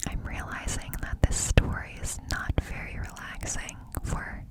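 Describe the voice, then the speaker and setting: A woman doing ASMR in an intimate, conspiratorial cupped-hand whisper, as if confiding secrets close to the mic. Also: measured pace. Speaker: ASMR host.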